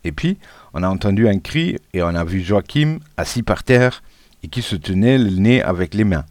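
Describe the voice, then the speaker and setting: A man narrating a children's story in a lively, playful way. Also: low-pitched, moderate pace, dry recording. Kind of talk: storybook reading.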